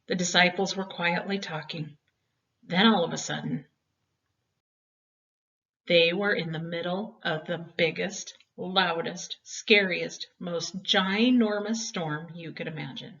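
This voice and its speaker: A woman with a lowish, slightly bright voice reads a children's Bible story slowly and expressively, using dramatic, emphatic phrasing aimed at young listeners. The home-style recording sounds dull and distant.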